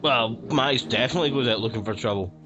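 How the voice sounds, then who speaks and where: A man's voice: medium pitch, quick pace, dull audio, music in the background. A man from Glasgow with a Glaswegian accent, co-hosting a casual film commentary in a jokey, sweary way. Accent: Glaswegian Scottish. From Glasgow, Scotland.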